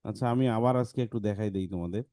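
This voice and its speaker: Male teacher, patient explainer, mellow voice, dry close sound. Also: lowish voice, no echo. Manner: explains patiently, reads examples slowly. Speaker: English teacher. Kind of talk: online class talk to kids.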